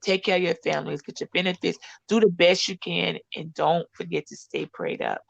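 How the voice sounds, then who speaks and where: An American woman in middle age speaks her opinions casually but emphatically, with a sarcastic, scolding edge. Her voice has a lot of fry, and the sound is dry and slightly muffled, like lo-fi online audio. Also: lowish voice, sing-song, brisk, no room sound. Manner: sarcastic, scolding, emphatic, mimics opponents in argument. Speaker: online panel participant.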